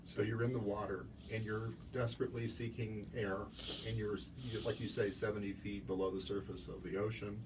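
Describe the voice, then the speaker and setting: A man speaking as a public radio host, putting halting follow-up questions to a guest in an interview. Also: fairly low pitch, little pitch movement. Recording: clearly noisy background.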